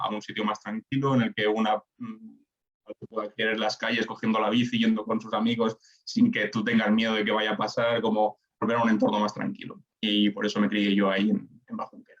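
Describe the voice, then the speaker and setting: A man's voice: fairly low pitch, little pitch movement, brisk. Young man, articulate political analyst, muffled. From Spain. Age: 20s. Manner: articulate, explains in structured points with rhetorical questions. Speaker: political scientist guest. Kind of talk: interview answers.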